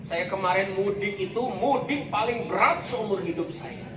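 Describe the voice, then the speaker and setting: A man's voice: high voice, moderate pace, noisy background. A man giving a humorous sermon at a community gathering, who keeps asking the crowd for agreement. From Palembang, Indonesia. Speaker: preacher. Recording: echoey hall, distant mic, crowd.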